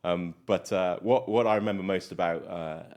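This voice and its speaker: A man's voice: low voice, moderate pace, a little mellow. A middle-aged man with a British accent, a guest doctor chatting casually in an interview, rambling with many fillers. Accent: British English. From Malawi.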